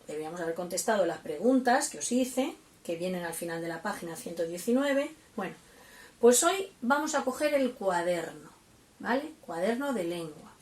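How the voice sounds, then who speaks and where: A middle-aged woman teacher talks young children through a lesson, patient and step by step, checking in with little questions. Her voice is mid-pitched and sits in a roomy space, picked up from a little way off the mic. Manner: patient, explains step by step, asks the class questions. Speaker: primary school teacher. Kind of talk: home-learning lesson for children. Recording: roomy, from a distance.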